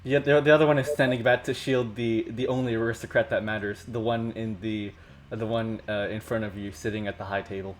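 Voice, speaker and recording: A man as game master, improvising narration for a tabletop game in a halting way, often repeating words. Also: on the low side, fairly even intonation.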